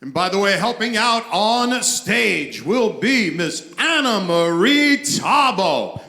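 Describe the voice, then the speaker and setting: A man announcing a show from the stage like a ring announcer, with grand, drawn-out, sometimes shouted showman phrasing in an echoey hall. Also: high voice. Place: large indoor event hall, on stage. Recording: echoey venue PA.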